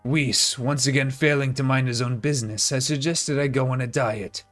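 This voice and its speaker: A man's voice: mid-range voice, steady tone, normal speed, a bit bright, soft background music, natural voice. A man voicing a haughty, hungry god of destruction from a video game, pompous and demanding. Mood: irritated. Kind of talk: video game dialogue read aloud.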